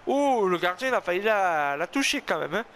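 A young man from southern France doing solo commentary on a football video game, rambling between plays and bursting into repeated shouts at goals, his voice going hoarse. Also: sits high, brisk, a little hiss or hum. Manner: excitable, shouts repeated goal calls, rambling asides. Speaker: gaming youtuber.

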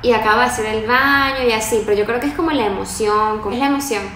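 A fairly high-pitched, slightly bright woman talks fast and laughs a lot while vlogging her move into a vacant apartment. She holds the phone camera at arm's length. The empty rooms echo over background music, and a little hiss or hum is audible.

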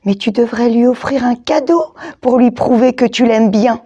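A woman's voice: fairly high pitch, moderate pace, mellow, breathy edge, muffled recording. A woman voicing a helpful young dinosaur friend in a storybook, eager and encouraging.

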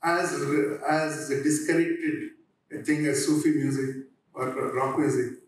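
A man talks reflectively on a panel, pausing and restarting often. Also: a little high, fairly even intonation. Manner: halting, with frequent pauses and restarts. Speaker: theatre practitioner on a discussion panel. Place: on stage in an auditorium. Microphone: handheld microphone. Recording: very echoey hall, distant, slightly noisy.

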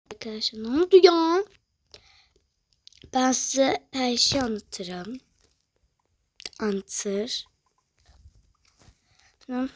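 A young woman narrating and voicing characters in a toy-style game role-play, swinging between loud excited lines and hushed whispers. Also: high-pitched, no echo. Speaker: toca life roleplay creator.

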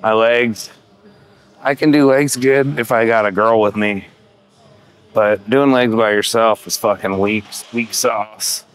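This fitness vlogger, a man in his thirties, has a fairly low voice with fairly even intonation and takes things slowly. Talking casually to camera in a big indoor gym over background music, he complains about his workout and runs himself down in crude slang.

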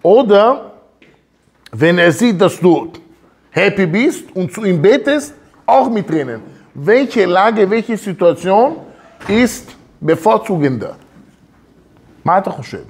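A man's voice: slow, pauses often, breathy edge. A man giving a religious lecture, asking his listeners many questions and mixing Hebrew terms into his talk. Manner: animated, asks many questions, swings pitch up and down; mixes Hebrew terms into speech. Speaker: Torah teacher.

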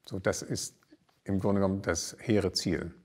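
Low-voiced man, formal expert explanation. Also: fairly even intonation, a little slow, mellow, slightly rough. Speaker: expert guest. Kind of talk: academic discussion.

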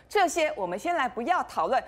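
A woman with a Taiwanese Mandarin accent hosts a current-affairs talk show in a studio. Her voice is high, sing-song, and brisk, and she speaks emphatically with plenty of rhetorical questions.

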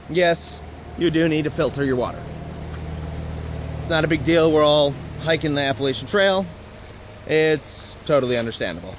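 A man's voice: on the high side, a little hiss or hum. Chatty young man touring woods. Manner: upbeat, chatty, joking. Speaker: vlogger giving a tour. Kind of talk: casual walking tour. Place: outdoors in woods by a creek. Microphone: handheld camera at arm's length.

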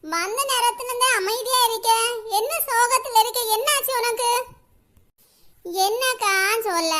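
A woman's voice: sharp tone, exaggerated voice. A woman doing fretful gossiping cartoon aunties. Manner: chatty, worried, lower and plainer than the kids. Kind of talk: cartoon voice acting.

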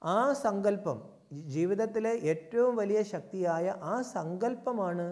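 A man with a somewhat high, mellow voice gives a spiritual talk on scripture. He asks his listeners questions and answers them himself. He swings between loud, stressed words and quiet, low asides. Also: takes it slowly. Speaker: spiritual teacher.

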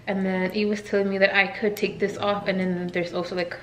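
A woman's voice: medium pitch, flat delivery, fairly quick, fairly bright tone. A woman vlogging at home in a casual, chatty way, talking straight to her viewers. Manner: chatty, addresses viewers as "you guys". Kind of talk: casual vlog chat with sponsor read. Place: home room. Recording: echoey room.

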